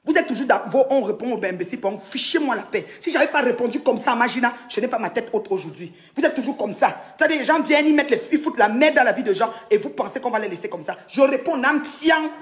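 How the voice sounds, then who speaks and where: A woman from Cameroon in an angry social media rant, scolding and mocking, swinging between loud outbursts and low mutters. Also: lively intonation, fast talker, hardly any pauses.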